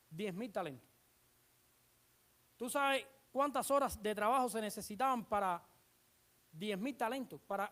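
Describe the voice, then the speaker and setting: Lively, animated preacher. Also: mid-range voice. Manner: animated, asks the congregation rhetorical questions; retells scripture with dramatic emphasis. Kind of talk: sermon.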